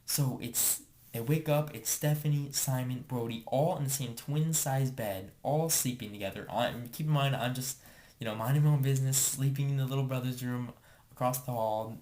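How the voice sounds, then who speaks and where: A man's voice: medium pitch, moderate pace, dark tone. A young man casually telling a story to the camera, rambling and filling his talk with "like.". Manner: rambling, filler-heavy with constant "like".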